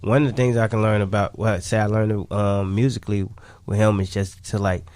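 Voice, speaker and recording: A Chicago rapper and songwriter chats casually as a guest on a radio interview in a radio studio, slangy and repeating himself. His voice is fairly low and darkish, a little fast, with a flat delivery, and there's no echo.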